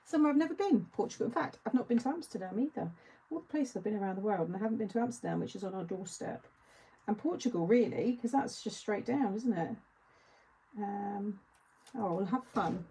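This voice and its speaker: A woman's voice: medium pitch, vocal fry, mellow, slightly rough, rough recording. A woman hosting a live craft-along, chatting casually and answering viewer comments as she works. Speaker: craft show host.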